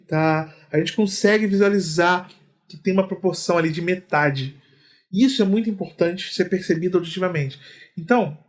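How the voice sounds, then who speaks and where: High-voiced man chanting rhythm syllables. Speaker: music teacher. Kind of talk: online music lesson.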